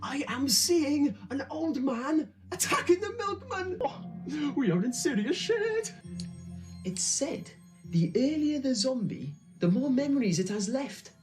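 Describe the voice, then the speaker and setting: A man playing a nerdy exposition guy in a low-budget zombie film, with stilted bad acting and a tone that doesn't match the words. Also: very animated, takes it slowly, darkish tone, faint music behind, exaggerated voice. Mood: ominous.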